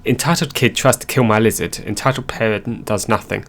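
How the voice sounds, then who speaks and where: A man narrating online stories aloud in a plain, steady reading voice. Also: lowish voice, brisk, creaky.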